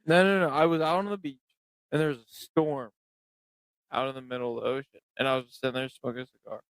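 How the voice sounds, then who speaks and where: A man's voice: mid-range voice, fairly even intonation, quick pace, smooth, no echo, rough recording. A man guesting on a podcast, chatting casually over drinks, stumbling over and repeating his words as he rambles.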